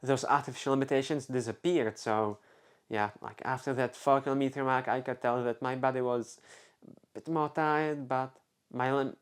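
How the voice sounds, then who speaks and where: This clean, medium-pitched voice belongs to a young adult vlogger from the Czech Republic who speaks with a Czech accent. Sharing a laid-back personal story, he wanders off track, cuts himself off, starts over, and fills the gaps with "like."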